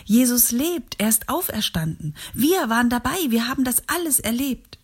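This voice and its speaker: A woman voicing the apostle Peter, an eager, bold man, in a gentle storybook reading voice. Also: medium pitch, expressive, unhurried, slightly rough. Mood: jubilant.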